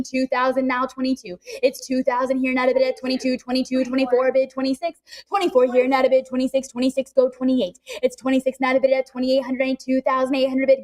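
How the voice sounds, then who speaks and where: A high-voiced woman auctioneer briskly calls live bids in a repetitive chant, urging bidders on and tossing in chatty asides.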